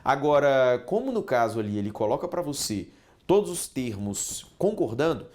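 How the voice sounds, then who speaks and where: A man's voice: mid-range voice, moderate pace. A male teacher from Brazil leads an exam-prep grammar review for online students. He talks animatedly and turns to the listener again and again to check they are following. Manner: animated, addresses students directly with frequent check-ins. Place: online course studio.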